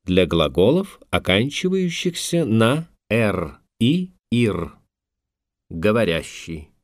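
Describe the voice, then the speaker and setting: A man narrating a language lesson in a measured, instructive way, recorded on a close studio mic. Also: on the low side, very animated, no room sound.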